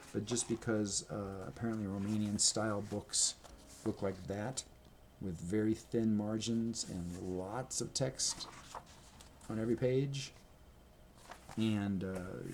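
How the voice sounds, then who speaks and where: His lowish, slightly mellow voice carries a faint hiss or hum from the camera mic. He's a video creator rambling casually at home, chatty and self-correcting as he shows things to the camera.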